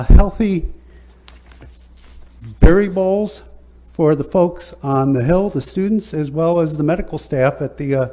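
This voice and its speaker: Ny guy, architect pitching a project, easygoing and jokey, mellow voice, bit high. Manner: relaxed, joking, many "uh" fillers. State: slightly out of breath at first. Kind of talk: presenting at a public hearing.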